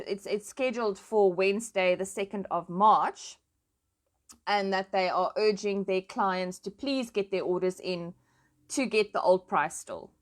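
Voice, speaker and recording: A South African woman chatting casually to her online followers in an informal, plain-spoken and emphatic way. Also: mid-range voice. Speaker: online commentator and host. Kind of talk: casual chat to followers, switching between languages.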